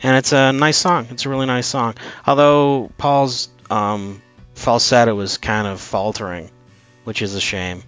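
A man's voice: mid-range voice, steady tone, unhurried, a bit bright, clear, resonant tone, muffled recording, soft background music. A man co-hosting a casual album review chat, hesitant and full of fillers as he checks his notes. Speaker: podcast co-host reviewing an album.

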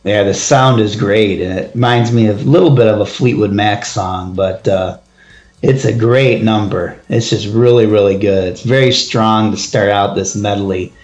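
A man's voice: on the low side, steady tone, moderate pace, a little mellow, reverberant. A man co-hosting a casual album review chat, enthusiastic and steering the track-by-track talk. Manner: enthusiastic, leads the track order and asks his partner's view. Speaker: podcast co-host reviewing an album.

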